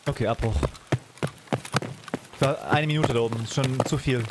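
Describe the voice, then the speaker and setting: A man's voice: medium pitch, moderate pace, very noisy. A man in his thirties chatting casually as he streams his gameplay from a room indoors. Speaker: game streamer. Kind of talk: casual live gaming chat.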